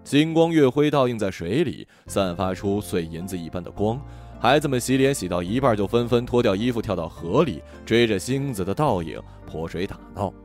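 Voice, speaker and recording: A man narrating a children's story in a gentle, expressive scripted reading. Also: on the low side, normal speed. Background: soft music.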